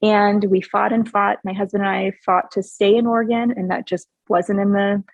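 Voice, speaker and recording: A woman's voice: mid-range voice, flat delivery, normal speed, no room sound, muffled recording. A woman in her forties from Hawaii, a podcast guest telling her story in an earnest, upbeat way with frequent laughs. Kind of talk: casual interview chat.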